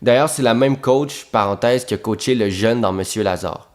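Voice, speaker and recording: A young man with a Québécois French accent, an actor telling behind-the-scenes stories in an animated, profane way, repeating words for emphasis. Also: mid-range voice, normal speed. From Quebec. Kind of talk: casual storytelling monologue.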